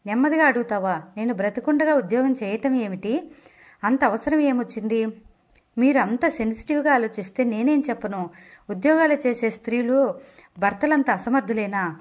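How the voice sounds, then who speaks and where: A woman's voice: fairly high pitch, moderate pace, dull audio. A woman narrating a novel aloud and reading all the dialogue, with small slips and self-corrections along the way. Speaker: audiobook narrator.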